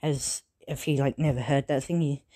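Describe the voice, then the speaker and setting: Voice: medium pitch, steady tone, normal speed, warm tone. A storyteller retelling a fan story casually, full of fillers and self-corrections.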